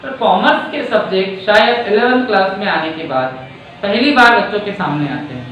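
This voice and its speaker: A male teacher from India explaining a lesson slowly, using everyday examples and often checking in with his students. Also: sits high, animated, fairly bright tone. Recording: echoey room, distant mic, faint noise.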